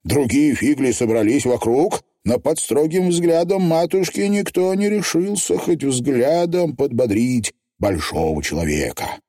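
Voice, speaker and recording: A man narrating an audiobook, his storytelling rising and falling a great deal. His voice is dark and mellow. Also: medium pitch, measured pace, hardly any pauses, dry recording, studio quality. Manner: expressive storytelling. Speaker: audiobook reader.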